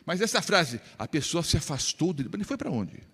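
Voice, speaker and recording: Man preaching a sermon, pastor voice, lively and emphatic, asks the crowd lots of questions, big echoey church sound. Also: fairly high pitch, a little fast, breathy edge.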